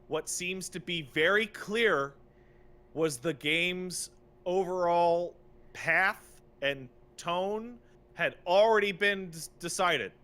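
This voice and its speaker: Exasperated and cursing freely, this podcast co-host hammers his opinions home in a loose rant, repeating phrases for emphasis. He speaks in a high-pitched, sharp tone.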